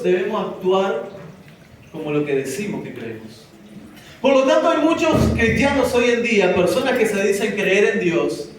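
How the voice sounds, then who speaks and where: High-pitched man preaching, pastor voice, sounds far off in a big echoey church, faint noise behind. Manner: preaching to a congregation, acting out listeners' objections. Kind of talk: sermon. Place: church hall.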